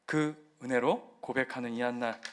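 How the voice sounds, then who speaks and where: A man preaching a sermon as pastor, swinging between loud exhortation and hushed whispers, joking with his congregation. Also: mid-range voice, fairly even intonation, moderate pace, clear, resonant tone. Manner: jokes with the congregation, laughing.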